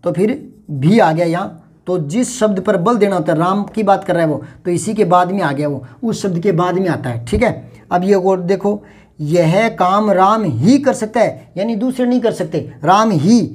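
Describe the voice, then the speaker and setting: A man teaching a grammar lesson in a chatty way, explaining slowly and going over each example again and again. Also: high voice, darkish tone.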